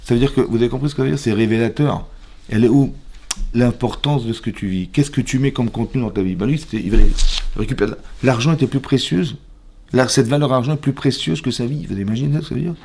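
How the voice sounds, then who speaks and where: A man's voice: mid-range voice, fast talker, gravelly, husky. A man, a rabbi, teaching a Torah class in a synagogue, who questions his listeners and acts out quoted dialogue. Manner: lively, asks the audience questions.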